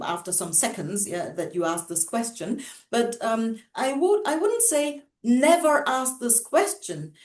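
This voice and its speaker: High-voiced German woman, echoey room. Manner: thoughtful, measured, with frequent um and mm-hmm. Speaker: co-host. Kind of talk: casual conversation.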